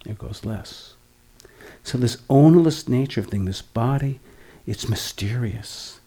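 A man's voice: medium pitch, mellow. A man in his sixties giving a dharma talk as a meditation teacher, reflective, with wry, humorous asides. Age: 60s.

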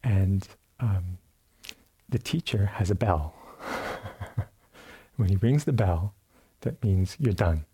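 A man giving a dharma talk at a meditation retreat, telling a story in a relaxed way with many fillers and restarts, sometimes acting out sounds and quotes. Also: deep voice, takes it slowly, pauses often, slightly rough. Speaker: meditation teacher. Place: retreat center meditation hall.

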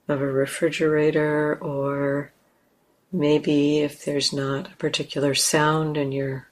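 In a deep voice, a woman teaches a guided meditation. Her short, gentle phrases are spaced out with long pauses.

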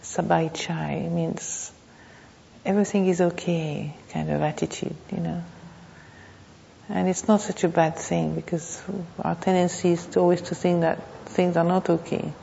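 A woman gives an unscripted dharma talk as a meditation teacher, speaking reflectively and haltingly, with pauses and repeated phrases. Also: lowish voice, flat delivery, gravelly, mellow, slight background noise. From Thailand. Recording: muffled, reverberant hall.

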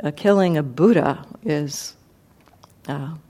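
A woman's voice: sits low, slow, warm tone, slightly rough. Thoughtful woman giving a dharma talk. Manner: thoughtful, many fillers and restarts. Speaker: meditation teacher. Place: meditation hall.

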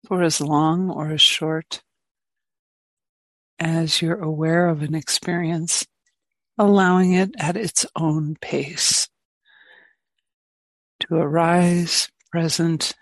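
Guiding a meditation, a woman teacher speaks in a low-pitched, steady tone, letting long pauses fall between her gentle, spacious phrases. The recording has no echo.

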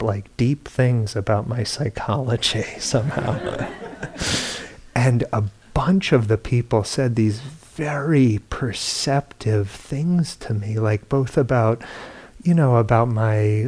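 A man giving a dharma talk at a retreat center, telling a story in an unhurried way with soft laughs and hushed asides. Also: mid-range voice. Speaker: meditation teacher. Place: retreat center meditation hall.

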